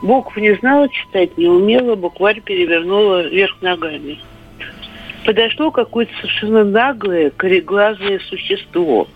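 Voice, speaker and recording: A woman's voice: medium pitch, moderate pace, faint music behind. An elderly woman in her eighties calling a radio phone-in over a phone line, telling a personal story. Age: 80s. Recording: dull band-limited phone line.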